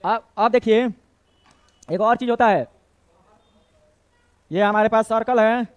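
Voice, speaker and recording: A man's voice: sits high, slow pace, clear, resonant tone, no echo, lo-fi sound. A man teaching a maths class, chatty, joking with and scolding his students, dropping in Bhojpuri words. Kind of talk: classroom lesson.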